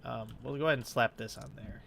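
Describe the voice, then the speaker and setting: Speaking fast in a creaky, somewhat bright medium-pitched voice, a man with a slightly stuffy nose narrates a let's play from his room at home. The commentary is casual, sweary and thought out loud, and the recording carries a little hiss or hum.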